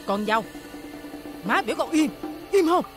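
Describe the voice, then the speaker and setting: A woman's voice: sits high, big pitch swings, music in the background. An actress playing a stern middle-aged mother of the house, scolding with a Southern Vietnamese accent. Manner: scolding, quick and sharp.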